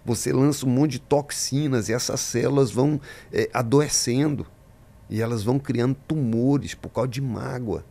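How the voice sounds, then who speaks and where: A man's voice: mid-range voice, normal speed, creaky, warm tone. A man, a pastor, talking in a podcast interview, preaching-style and emphatic, acting out the voices in his stories.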